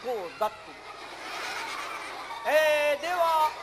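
A man's voice: very high voice, expressive, slow, noisy background. A man performing a puppet show for children, playfully scolding his puppet and calling out to the audience.

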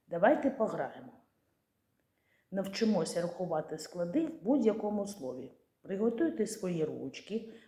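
A woman teaching young children a speech lesson, patient and slow, drawing out and chanting words syllable by syllable. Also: fairly low pitch, dark tone, roomy sound.

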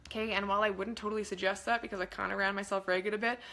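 A young woman coach talks casually to her webinar viewers, bubbly and rambling as she gushes with enthusiasm. Her voice is bright and forward, with a gravelly fry, and she slips into a higher voice to act out little conversations. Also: flat delivery, rapid-fire. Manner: acts out little dialogues in a higher voice. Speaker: wellness coach hosting a webinar. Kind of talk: casual webinar talk to camera.

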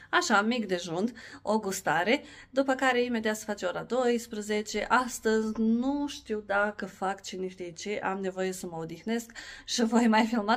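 Chatty mother vlogging her day. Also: medium pitch. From Romania. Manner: chatty, lively, coaxing with children. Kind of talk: casual home vlog narration.

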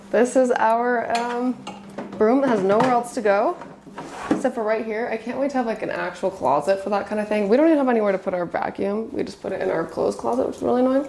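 A woman's voice: on the high side, fairly quick, darkish tone, a little hiss or hum. A woman in her twenties giving a gushing, casual house tour of her small apartment. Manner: bubbly, gushing, says cute a lot. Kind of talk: casual chat. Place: small apartment kitchen and living room, indoors.

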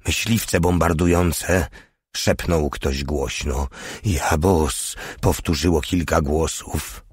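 A male audiobook narrator with a deep, low voice reads a war novel slowly and evenly. The recording is close and dry, with no room sound. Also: darkish tone, breathy edge, no echo. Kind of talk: scripted narration.

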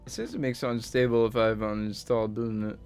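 A man streaming a game live, exasperated and swearing, with bursts of yelling between muttered commentary. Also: lowish voice, flat delivery, quick pace, soft background music. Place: home desk.

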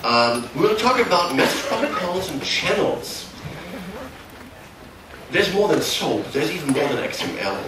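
With a sing-song voice on the high side, a middle-aged German man from near the Dutch border leads a technical workshop talk in a large darkened hall, his explanations halting and self-correcting. A far camera mic captures the echoey room and background noise.

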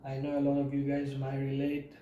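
Brisk and mid-pitched, this fitness vlogger in his thirties talks over his workout clips in a small home room, tired from not sleeping much. His narration is laid-back and plain, with lots of fillers and restarts. The audio sounds narrow and tinny, with a bit of background noise.

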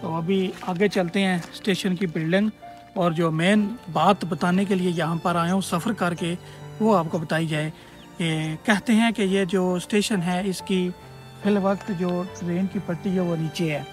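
A man's voice: sits high, a little slow, faint music behind. A man, guiding viewers outdoors in a casual vlog and explaining at length with many hesitant fillers. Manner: louder and more energetic while walking through the brush. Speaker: travel vlogger. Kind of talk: casual tour-guide vlog. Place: outdoors in open scrubland by an old stone bridge.

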